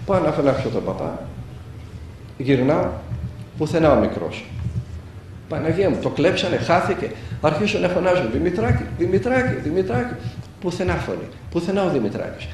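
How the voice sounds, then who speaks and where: A man's voice: fairly high pitch, big pitch swings, pauses often, darkish tone, a little hiss or hum. A man preaching as a monk elder, telling stories and acting out the dialogue with a rising and falling voice. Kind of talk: sermon with storytelling. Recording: echoey room heard from a distance.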